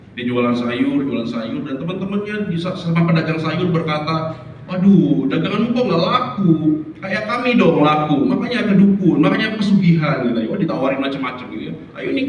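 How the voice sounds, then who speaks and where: Guy giving a sermon in a big church hall, acts out stories, faint room hum. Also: mid-range voice. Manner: animated storytelling, acts out voices and barking. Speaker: preacher. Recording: echoey hall from far off.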